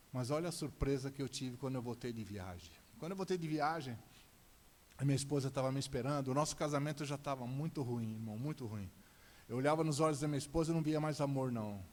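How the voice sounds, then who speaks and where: A man's voice: medium pitch, a little mellow. A middle-aged man giving a personal testimony in church, telling his story animatedly and acting out the dialogue. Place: church hall. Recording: reverberant church hall.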